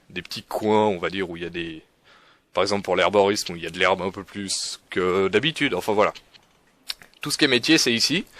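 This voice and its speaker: A man's voice: on the low side, a bit bright, no echo. A young man giving a casual, rambling walkthrough of a game forum, with lots of fillers, restarts and self-mocking asides. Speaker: forum guide presenter. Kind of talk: casual screen-recorded walkthrough.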